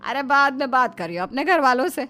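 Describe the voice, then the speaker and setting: A woman's voice: high voice, lively intonation, a little fast, bright, forceful tone, faint music behind. A woman voicing a bossy middle-aged village mother-in-law in a cartoon story, with a commanding, scolding manner.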